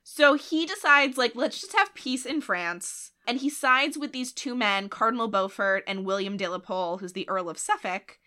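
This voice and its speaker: Woman podcast cohost, bright voice, chatty history storytelling, laughs a lot. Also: a little high, moderate pace, few pauses. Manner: chatty, laughs often, voices quoted figures in asides. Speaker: podcast co-host telling history. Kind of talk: casual chat.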